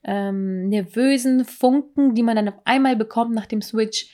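A woman's voice: on the high side, unhurried, mellow. A young woman co-hosting a podcast, chatting casually about dating tips in a rambling way. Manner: chatty, rambling, acts out quoted lines. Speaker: podcast co-host.

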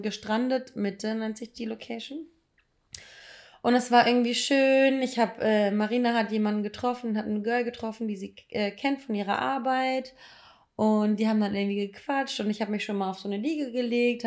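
A woman co-hosting a podcast, telling a weekend story in casual chat with quick bursts of laughter. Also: a little high, a little mellow. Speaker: podcast co-host.

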